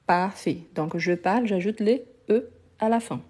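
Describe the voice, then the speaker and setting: A woman teaches French conjugation live and unhurried, with a mellow, warm tone. She is patient, repeats each word several times and keeps praising the people following along. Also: mid-range voice. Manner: slow, patient, repeats words and praises learners. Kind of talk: live online conjugation lesson.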